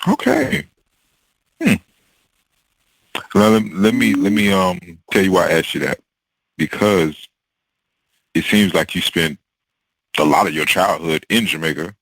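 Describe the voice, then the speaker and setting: A man with a very low, husky voice hosts a podcast interview as a therapist. He asks curious questions that stumble and restart, and the recording sounds dry and close. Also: big pitch swings, unhurried, pauses often, a bit bright, no echo, low-quality recording. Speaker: therapist host.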